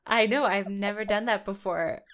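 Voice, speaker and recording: Smooth-voiced chatty woman. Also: medium pitch, fairly even intonation, normal speed, fairly bright tone. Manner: chatty, storytelling, swears casually. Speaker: podcast co-host. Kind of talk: casual true-crime chat.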